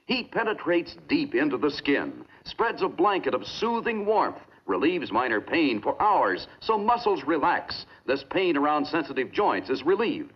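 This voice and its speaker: Earnest ad announcer guy, kinda raspy, swoopy emphatic read. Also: on the high side, very animated, unhurried, hardly any pauses. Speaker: commercial voice-over announcer. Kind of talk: scripted commercial read. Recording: dull lo-fi vintage ad.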